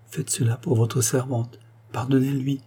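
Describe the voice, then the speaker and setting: A man's voice: mid-range voice, flat delivery, measured pace, mellow, husky. A man reading an audiobook voices a tearful, devout old housekeeper who pleads through sobs. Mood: imploring. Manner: pleading and sobbing.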